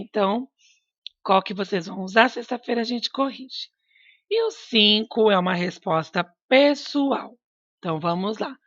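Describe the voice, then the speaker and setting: A woman teacher talks slowly and patiently to young pupils, coaxing answers out of them with questions and gentle reminders. The sound is dry and a little dull, like a lo-fi home recording. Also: medium pitch, dry recording. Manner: patient, coaxing, asks children questions and repeats prompts. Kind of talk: recorded remote class lesson.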